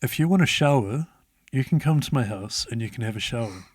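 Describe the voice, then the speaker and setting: A man's voice: fairly low pitch, fast, slightly rough, no echo. A man voicing a pushy old woman scammer with a Chinese accent, talking in a demanding, insistent way. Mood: coaxing.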